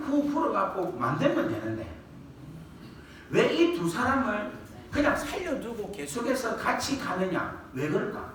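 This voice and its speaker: Man, revival preacher, animated delivery, echoey church hall, distant mic. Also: sits high, a little hiss or hum. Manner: lively, colloquial, asks the congregation questions and acts out quoted scolding. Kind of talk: revival sermon with call and response. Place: church sanctuary.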